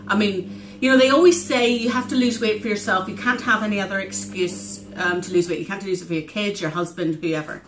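A woman in her forties shares an earnest, confessional diary vlog, pausing often with ums and restarting her thoughts. Her voice carries a noticeable room echo. A steady wash of ambient noise sits behind her. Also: mid-range voice, distant mic. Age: 40s. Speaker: vlogger keeping a weight-loss diary.

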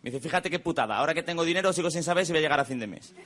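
A man performing a stand-up monologue on stage, delivering quick deadpan punchlines and mimicking his relatives. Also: fairly high pitch. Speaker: stand-up comedian. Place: stage before a live audience. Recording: stage recording with audience laughter and noise.

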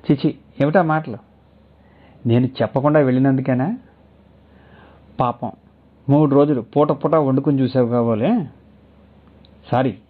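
A man voicing a gentle young husband who speaks softly and consolingly in a storybook reading. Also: mid-range voice, lightly acted. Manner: soft, consoling. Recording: tinny phone-like audio.

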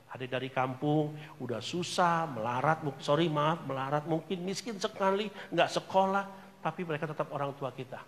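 A middle-aged man preaching a sermon in a church, loud and emphatic at one moment and quiet and personal the next. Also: on the high side, slight background noise. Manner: swings from loud emphatic preaching to quiet personal asides, acts out quoted voices. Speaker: pastor. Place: large church hall. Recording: long church reverb.

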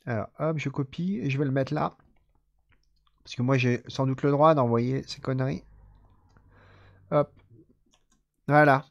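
A man hosting a live poetry reading, reciting texts slowly and deliberately and chatting casually with listeners between poems. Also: mid-range voice, fairly even intonation, creaky, dry recording, dull audio. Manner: slow measured recitation, then chatty offhand remarks. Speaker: poetry reader and stream host.

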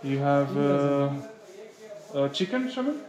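Crowd noise surrounds a man in his thirties whose fairly high, sing-song voice moves slowly. As a motovlogger hosting a casual travel vlog, he chats with locals and the camera outdoors in a mountain village and in a small roadside restaurant, friendly and chatty, with many fillers and "guys" to viewers.

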